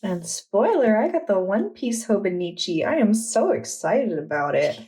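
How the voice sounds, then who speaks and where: Mellow-voiced woman chatting casually. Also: medium pitch, normal speed. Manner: chatty, relaxed and enthusiastic. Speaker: vlogger. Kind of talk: casual vlog narration.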